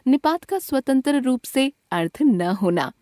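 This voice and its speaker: This is a woman narrating a scripted grammar lesson at a very slow, careful pace. She reads lists of words with pauses between them, and her voice is recorded close and dry with no room sound. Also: high voice, expressive, a little mellow, no echo. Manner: slow, deliberate list reading with pauses. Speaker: textbook narrator.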